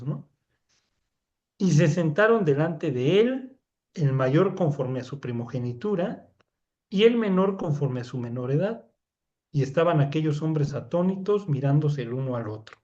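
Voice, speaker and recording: Scripture is read aloud and then talked through casually by a Mexican-accented man leading a Bible study, who keeps checking in with "¿no?". The recording is muffled, and his voice is on the high side with a dark tone.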